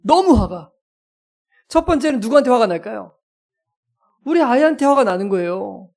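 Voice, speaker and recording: A male pastor preaching a sermon as a lively story, acting out scenes and poking fun at himself. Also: very high-pitched, moderate pace, vocal fry. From South Korea. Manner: lively, self-mocking storyteller who acts out scenes.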